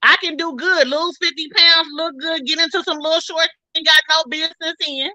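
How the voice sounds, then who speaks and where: A woman talking bluntly and loudly in a casual podcast chat, full of slang. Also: very high voice, fairly even intonation, a little fast, no echo, low-quality recording. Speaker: panelist.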